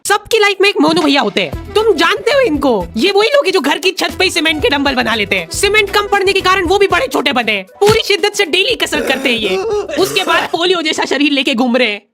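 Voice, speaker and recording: A woman's voice: very high voice, sing-song, fairly quick, music in the background. A woman narrating a comic cartoon with a teasing, mocking manner.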